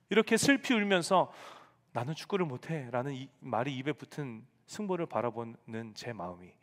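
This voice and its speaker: Animated male pastor in a reverberant hall. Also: medium pitch, unhurried. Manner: animated storytelling, acting out quoted lines. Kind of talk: sermon to a young adult congregation. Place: church sanctuary.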